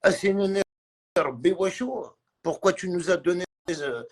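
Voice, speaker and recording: A man's voice: high-pitched, measured pace. A man on a live stream, ranting in a heated, repetitive way and mixing in words from other languages. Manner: agitated, repetitive, mixes French with Arabic and Kabyle. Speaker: livestreamer.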